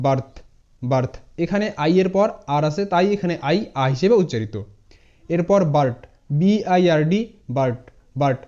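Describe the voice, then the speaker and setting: A man's voice: on the high side, dark tone. A man teaching English pronunciation in a spoken tutorial lesson, spelling words letter by letter and repeating each word. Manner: addresses viewers informally, mixing English words into Bengali. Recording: dull lo-fi sound.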